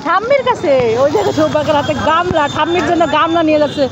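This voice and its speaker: A woman's voice: very high-pitched, racing, highs cut off, noisy background. A young woman, a mother, chatting playfully with her small children in a casual family vlog, teasing and coaxing them. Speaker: mother and vlogger.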